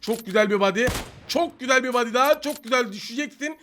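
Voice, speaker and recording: High bright excitable male gamer. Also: fast talker, slight background noise. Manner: excitable, swings from teasing to exasperated shouting. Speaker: mobile game streamer. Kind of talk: live gameplay commentary.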